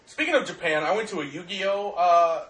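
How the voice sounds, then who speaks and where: A man with a somewhat high voice riffs in crude, excitable jokes while chatting with friends over a video. He sits a little way from the mic, and the room adds a roomy echo. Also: normal speed. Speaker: commentator. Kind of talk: casual chat watching a video. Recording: echoey room, far from mic.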